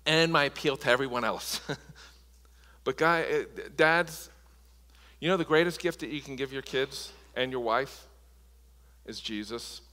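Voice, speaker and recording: A man's voice: medium pitch, a little slow, pauses often, bright, forceful tone. A man preaching a sermon as pastor, impassioned, often restarting and repeating words. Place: church sanctuary. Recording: long reverb of a large hall.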